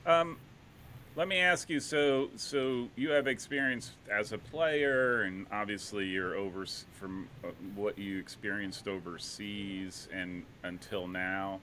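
A man's voice: on the low side, measured pace, bright, forceful tone, a little hiss or hum, low-quality recording. A middle-aged man hosting an interview over a video call, talking with many ums and restarts into a studio mic with a headset. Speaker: interview host, soccer coach. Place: home room.

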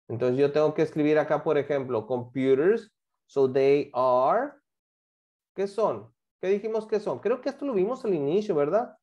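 A woman's voice: fairly low pitch, mellow, lo-fi sound. Woman, English teacher, explaining homework, patient, asks if students follow. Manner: patient, checks understanding with frequent questions.

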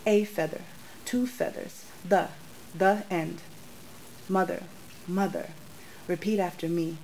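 Young female poet, lowish voice, soft measured reading in a small bookstore on a stand mic. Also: steady tone, slight background noise, low-quality recording. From United States. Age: young adult. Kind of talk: poetry reading with spoken remarks. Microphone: stand mic in front of her.

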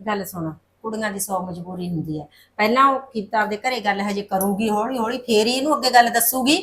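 An actress playing a middle-aged sister who briskly brushes off worries and reassures, in a short film drama. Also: female voice, medium pitch, fairly bright tone, slight background noise, natural voice.

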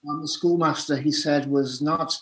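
An older man in a living room on a video call, recalling something he read, with halting restarts. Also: fairly high pitch, fairly even intonation, fairly bright tone. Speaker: bible study participant. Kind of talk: casual discussion. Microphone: webcam on a video call.

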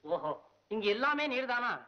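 An actor playing a poor, anxious court poet who argues and wails to himself in fast, comic outbursts, on a dull old film soundtrack. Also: male voice, very high voice, sing-song. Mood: sarcastic. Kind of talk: 1960s film acting.

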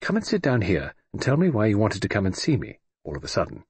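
A man reading an audiobook, voicing an imperious, deaf old aristocratic lady with crisp, commanding upper-class speech. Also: lowish voice, huge pitch swings, fast talker, a little mellow, no echo, exaggerated voice. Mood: tart.

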